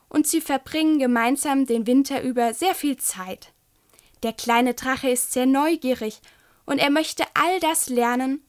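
A woman reading a children's book aloud and talking gently to young listeners. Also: sits high. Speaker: storyteller.

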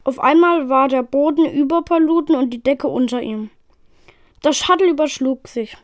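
A woman reading an adventure novel aloud in a steady storytelling manner. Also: high-pitched, normal speed, no room sound, studio quality. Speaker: reader.

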